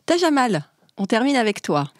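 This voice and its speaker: A woman hosting an interview show, chatty and lively as she introduces and questions her guests. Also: on the high side, moderate pace, no echo, clean studio sound. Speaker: host.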